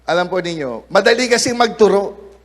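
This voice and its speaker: A man preaching a sermon, lively, acting out quoted lines in changed voices. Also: high voice, moderate pace, long reverb tail. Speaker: pastor.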